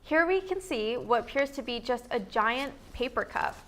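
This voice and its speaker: A woman's voice: fairly high pitch, lively intonation, normal speed, fairly bright tone. A young woman co-hosting a student local news feature, reading an upbeat, jokey script with small stumbles. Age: young adult.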